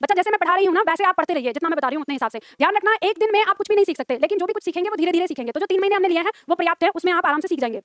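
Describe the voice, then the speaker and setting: A woman's voice: very high-pitched, lively intonation, rapid-fire, few pauses, fairly bright tone, dry recording, studio quality. A woman teaching Hindi, chatting to her class and online students with frequent laughs. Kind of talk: live classroom lesson chat.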